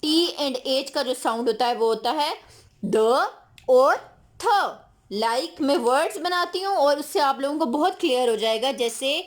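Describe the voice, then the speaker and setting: High-voiced woman teaching phonics slowly. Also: a bit bright. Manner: slow, drawn-out sounding of letters, patient. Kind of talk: phonics lesson for young children.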